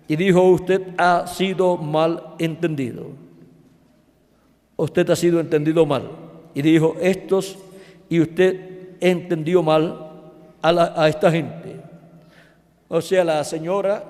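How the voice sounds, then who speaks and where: A fairly high-voiced man preaching a sermon at a deliberate, unhurried pace. He speaks haltingly, breaking off words and restarting them. His voice rings out with the long echo of a big hall. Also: darkish tone. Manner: halting, with restarts and self-corrections. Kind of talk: sermon, retelling a dream account. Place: church hall. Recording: long reverb of a large hall.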